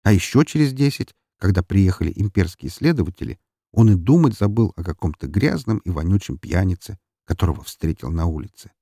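Guy narrating an audiobook, lowish voice, really animated delivery, dead dry close mic. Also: fairly quick, creaky, no echo. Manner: expressive storytelling reading.

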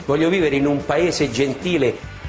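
A man's voice: fairly high pitch, measured pace, a little mellow, faint music behind. A man giving an impassioned public speech, earnest and emphatic. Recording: echoey room with audience noise.

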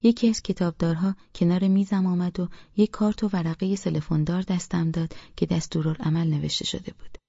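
A man with a gravelly, husky voice reading a novel in first-person narration. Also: sits high, no room sound, dull audio. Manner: flat, even reading. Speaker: audiobook narrator.

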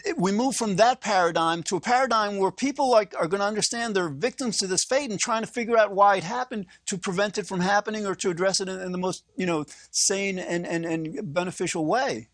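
A man's voice: high-pitched, no echo. A man co-hosting a casual discussion show, talking earnestly and rambling, with many restarts and fillers. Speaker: co-host.

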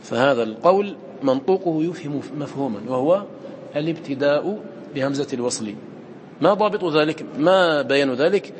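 A man's voice: on the high side, expressive, moderate pace, noisy background. A man teaching Quran recitation in a classroom lesson, asking his students questions and answering them himself, sometimes chanting verses in a melodic recitation.

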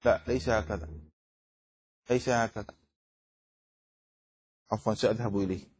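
A man's voice: lowish voice, fairly even intonation, normal speed, a little mellow, breathy edge. A middle-aged man teaching a class, explaining a text and often asking the students whether they have understood. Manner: keeps checking students understand, asks questions. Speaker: teacher of Islamic law.

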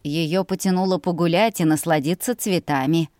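A courteous house steward, soft-spoken and a little too smooth, with his voice pitched lower than the narration, as a woman reads him. He talks politely and deferentially, sometimes quickly. The sound is close and dry. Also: no room sound, close to an everyday voice. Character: warm, courteous older male house steward. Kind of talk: audiobook character voice.

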